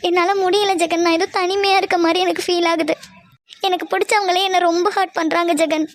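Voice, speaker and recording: Tearful, lonely young woman, a woman voicing her for a homemade cartoon; very high, fast, pleading. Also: little pitch movement. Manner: pleading, sobbing tone. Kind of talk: amateur cartoon voice acting.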